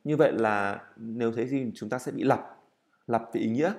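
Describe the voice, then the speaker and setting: Man teaching English, repeating words slowly. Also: mid-range voice, darkish tone. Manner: explains step by step, writing on a board; frequent fillers and self-corrections. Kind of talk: recorded online lesson.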